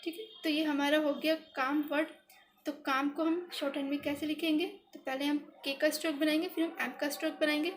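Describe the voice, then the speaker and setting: Her voice high and level, a little fast, a shorthand tutor explains step by step, patient and repetitive, narrating her writing aloud. Her English words carry an Indian accent, and there's slight background noise.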